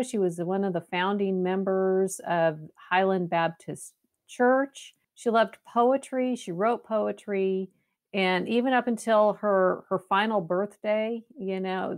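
Enthusiastic West Coast woman guest. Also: mid-range voice. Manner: enthusiastic, laughs often, repeats words while thinking. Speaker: guest, paranormal investigator. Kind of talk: casual interview talk.

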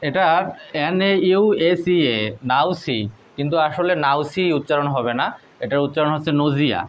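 A man teaching English spelling tricks, spelling words out letter by letter in a slow, deliberate way. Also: a little high, a little hiss or hum, rough recording. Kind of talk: spelling lesson.

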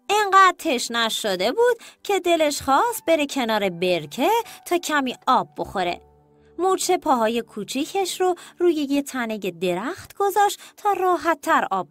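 A woman narrating children's stories in a scripted, animated way, talking directly to the kids. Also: high-pitched. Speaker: storyteller. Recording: soft music bed.

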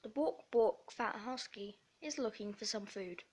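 A woman's voice: mid-range voice, a little slow, darkish tone, husky. A young woman narrating her dog at home as a playful parody of a nature documentary, with mock-serious commentary. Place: at home indoors.

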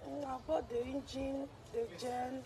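A woman's voice: high-pitched, flat delivery, a little slow, dark tone, low-quality recording. A young woman with a Nigerian accent giving short, hesitant answers in an interview, recorded on a phone held close. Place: outdoors at a crowded event, then inside an unfinished building.

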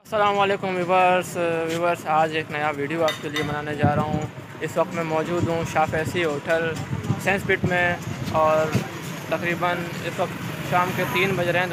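Young male vlogger, phone at arm's length, flat delivery, heavy wind and surf noise on the mic. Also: a little high. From Pakistan. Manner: upbeat, repeatedly addresses viewers. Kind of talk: selfie vlog narration. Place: sandy beach outdoors, windy.

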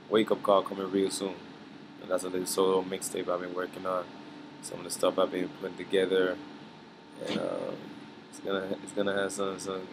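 Laid-back man with a low, flat voice. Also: a little hiss or hum, rough recording. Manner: laid-back slangy talk, frequent "you feel me". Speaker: musician vlogging from a trip. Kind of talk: casual vlog update. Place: hotel balcony outdoors.

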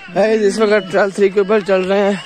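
Climbing a wooded hill trail, a young man with a Pakistani Urdu accent narrates a casual hiking vlog to his handheld phone, chatty as he walks and climbs outdoors. He speaks a little fast in a high, level, slightly mellow voice.

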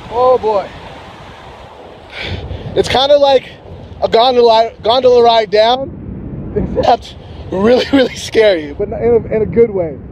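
A young man filming a travel vlog outdoors in the mountains on a selfie stick camera, excitable and whooping as he rides up and paraglides. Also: very high voice, a little slow, long pauses, lo-fi sound, slight background noise. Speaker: travel vlogger. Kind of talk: casual vlog narration. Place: outdoors on a mountain, cable car then paragliding.

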